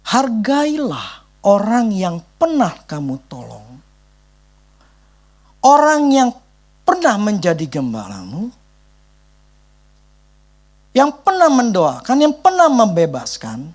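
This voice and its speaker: A man's voice: high-pitched, wildly swooping pitch, slow pace, pauses often. A male pastor preaching a sermon in an emphatic, conversational way, leaning on casual tags. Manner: emphatic, conversational, repeats "gitu loh".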